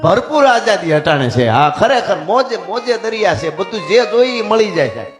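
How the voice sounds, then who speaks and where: A man's voice: high-pitched, sing-song, moderate pace, reverberant, music in the background. A man with a Kathiawadi Gujarati accent telling a folk tale, chatty, with humorous asides to his listeners. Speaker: folk storyteller. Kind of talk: dayro folk storytelling.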